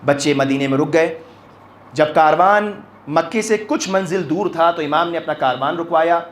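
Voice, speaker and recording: A male preacher leads a mourning gathering in a high, ringing voice. He chants his lines with strong passion and often swells into cries. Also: a bit bright. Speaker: maulana leading a mourning majlis. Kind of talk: mourning sermon with lamentation.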